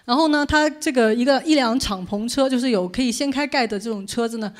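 A woman's voice: fairly high pitch, fast. A woman speaker giving an informal public lecture in a conversational, explanatory way. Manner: conversational, explanatory, poses questions to listeners. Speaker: journalist giving a book talk.

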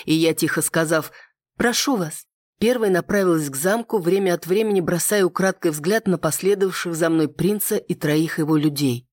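An audiobook reader narrating a fantasy romance in a steady, even way. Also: medium pitch, brisk, few pauses, no echo, clean studio sound. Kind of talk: scripted narration.

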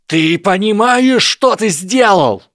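A man voicing a proud boy wizard who is furious and shaken, shouting with his voice breaking from rage. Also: on the low side, normal speed, vocal fry, no echo, studio quality. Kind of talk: audiobook character voice.

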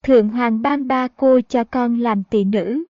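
A woman's voice: a little high, slow pace, dark tone, no echo, highs cut off. A woman reading the part of a noble middle-aged mother who earnestly lectures her son in an audiobook. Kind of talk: audiobook narration.

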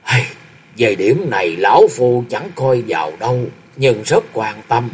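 A man's voice: mid-range voice, lively intonation, measured pace, darkish tone, faint music behind, natural voice. A man voicing a stern old male martial arts master, half-paralysed and over fifty, who speaks in a grave, commanding way and often sighs.

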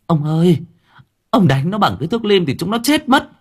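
Desperate begging mom voiced by a male narrator, high whiny voice. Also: sing-song, brisk, a little mellow, slightly rough, full character voice. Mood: pleading. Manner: begging, high-pitched pleas. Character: worn-out pleading mother, anxious and tender.

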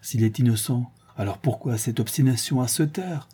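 A man's voice: mid-range voice, normal speed, dark tone, breathy edge, natural voice. A man voicing a desperate middle-aged mother who pleads and protests to defend her accused son. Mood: pleading. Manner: pleading, indignant, breaking into cries.

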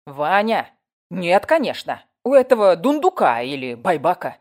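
A woman voicing a loud, nosy older female neighbor who gossips and scolds. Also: big pitch swings, moderate pace. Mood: gossiping. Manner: shrill, scolding, exclaiming.

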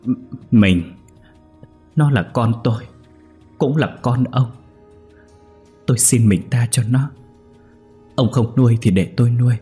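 A man's voice: medium pitch, unhurried, long pauses, warm tone, soft background music, voice pushed up, natural voice. A man voicing a young mother and third wife who begs in tears for her baby. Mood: pleading. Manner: tearful begging.

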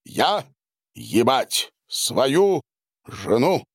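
A man voicing a weary, stunned male doctor who speaks in low, subdued mutters. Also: big pitch swings, drawn-out words, dry recording, clean studio sound, heavily acted.

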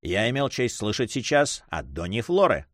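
A man's voice: lowish voice, sing-song, moderate pace, fairly bright tone, dry recording, studio quality. A man playing a gallant, courteous young nobleman. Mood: earnest. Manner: courteous, earnest.

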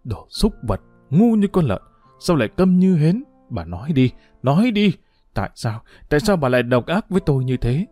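Guy playing a grief-wrecked man barking orders through gritted teeth, voice leaping up loud, audiobook story. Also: a little high, very animated, moderate pace, dry recording, faint music behind. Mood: furious. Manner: clenched, commanding, bursting into shouts. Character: bitter grieving middle-aged male official.

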